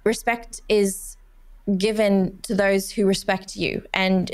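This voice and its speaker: A young woman in her twenties hosting a podcast interview into a studio boom mic, speaking in an open, personal, conversational way. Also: little pitch movement, takes it slowly. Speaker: podcast host. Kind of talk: casual interview chat. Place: small studio room. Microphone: studio mic on boom arm with headphones.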